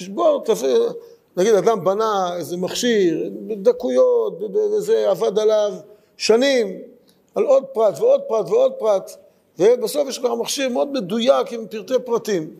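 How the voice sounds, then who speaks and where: A man's voice: sits high, gravelly, darkish tone. A man teaching a Midrash study lesson, thinking aloud in short, searching phrases. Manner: thoughtful, searching for words, speaks in short phrases. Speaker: Torah teacher.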